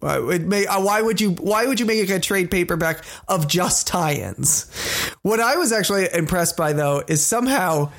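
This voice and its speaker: A man's voice: high voice, normal speed. A man hosting a podcast, telling stories in casual comedic chat and acting out the lines he quotes. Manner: animated storyteller, acts out quoted lines loudly. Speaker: podcast host.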